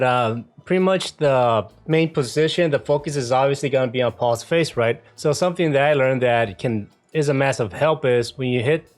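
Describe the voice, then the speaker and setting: A man presenting a casual software tutorial in an informal way, often checking in with the listener as he explains each step. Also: medium pitch. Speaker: video editing tutorial presenter.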